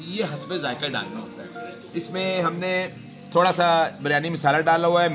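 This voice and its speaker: Outdoors in a village yard, a forties-aged cooking vlogger works over a wood fire and talks chattily straight to viewers in a casual demo. His voice leans high, and the sound comes from a camera mic handheld by a cameraman, with background music beneath him.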